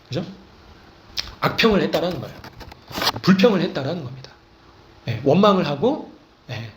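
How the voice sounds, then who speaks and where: A man's voice: high-pitched, echoey room, background noise. A man preaching a sermon as pastor, emphatic, checking in with listeners often and acting out confessions in quoted prayers.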